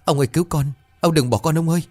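A man's voice: mid-range voice, expressive, fast talker, a little mellow, faint music behind, voice pushed up, natural voice. A man voicing a frightened young male servant who stammers and pleads in panic. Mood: shrieking panic.

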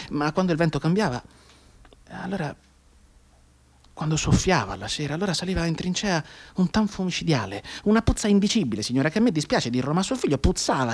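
In a theatrical, repetitive radio monologue, an actor plays a soldier telling a dead comrade's mother about war, moving from hushed asides to outbursts. His full character voice is on the high side and slightly rough, shifting from sorrowful and haunted to anguished and insistent.

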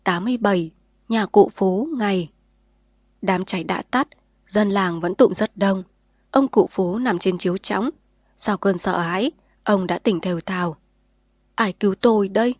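A woman narrating a novel in a steady, measured reading voice. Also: medium pitch, no echo, clean studio sound. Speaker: storyteller.

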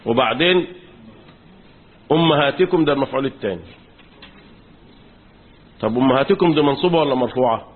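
A man's voice: mid-range voice, a little fast, long pauses, slight background noise. A man with an Egyptian accent, a sheikh teaching Quran commentary in a classroom lecture, who keeps quizzing the class with fill-in questions. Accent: Egyptian Arabic. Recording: tinny phone-like recording.

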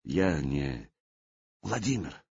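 A male audiobook reader voicing a frightened, anxious young princess in a raised, softened voice. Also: very deep voice, sing-song, drawn-out words, vocal fry, husky, no room sound, muffled recording, full character voice. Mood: fearful.

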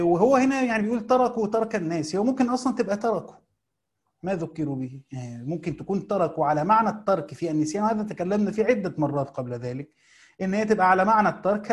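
Fast-talking Egyptian man explaining a text. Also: high voice, a little mellow. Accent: Egyptian Arabic. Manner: reads quoted text slowly, then explains in quick colloquial asides. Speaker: teacher of Quran commentary. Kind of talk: classroom commentary reading and explaining a text.

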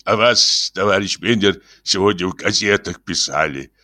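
A man voicing an anxious, fawning older gentleman who speaks hesitantly and ingratiatingly, in an audiobook. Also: low-pitched, normal speed, no echo, clean studio sound. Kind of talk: audiobook character voice.

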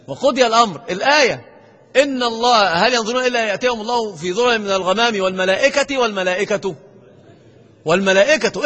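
A man with an Egyptian Arabic accent giving a grammar lecture to a class, quizzing the students with rhetorical questions and slowly stressing the verses he quotes. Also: high-pitched, fairly bright tone, breathy edge, big-room sound. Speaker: Islamic scholar teaching grammar.

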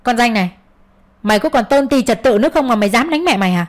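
A woman's voice: medium pitch, fast talker, natural voice. A woman doing a scornful old father-in-law. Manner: scornful, contemptuous.

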